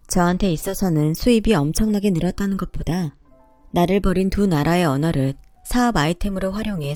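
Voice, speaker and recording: A woman narrating a first-person story in a calm, conversational storytelling manner. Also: lowish voice, no room sound.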